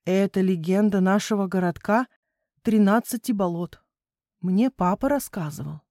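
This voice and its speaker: A woman voicing a bold little boy raccoon who speaks in a hushed, insistent way in a children's storybook. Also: medium pitch, normal speed, no room sound, clean studio sound, lightly acted. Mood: earnest.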